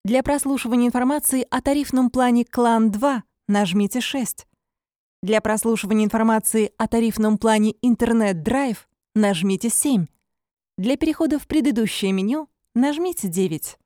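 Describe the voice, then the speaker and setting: High-pitched woman's phone menu voice. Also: warm tone, no echo, studio quality. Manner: measured, formulaic announcing of options. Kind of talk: scripted phone menu voice prompts.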